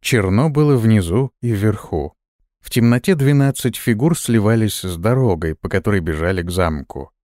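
Low-voiced expressive audiobook narrator man. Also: normal speed, dry recording, studio quality. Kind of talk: fantasy audiobook reading.

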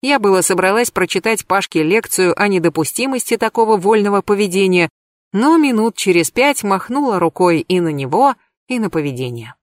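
A woman reads a first-person novel with wry, lively timing. Her voice sits at a middle pitch and the recording is dry and close. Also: brisk, no room sound. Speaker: audiobook narrator.

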